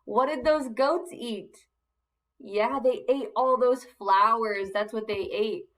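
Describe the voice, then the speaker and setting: A woman's voice: a little high, slow pace, fairly bright tone, rough recording. A woman teacher reading a picture book aloud to young children, coaxing them with questions.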